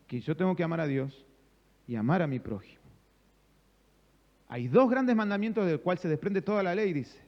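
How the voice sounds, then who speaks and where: In this church sanctuary recording, a man speaking Spanish with a Rioplatense accent delivers a sermon in call-and-response style, dramatizing dialogues as he goes. His pitch leans high, and the lo-fi sound carries the feel of a large hall.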